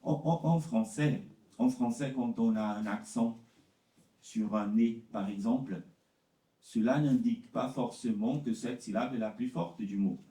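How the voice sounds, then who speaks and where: A man speaks slowly and haltingly in a conference talk, repeating words as he searches for them. His voice is low, dark and mellow. The sound is distant and echoey, recorded in a hall. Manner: slow and halting, many repeated words and fillers. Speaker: literary translator presenting his work. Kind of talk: conference talk answering questions.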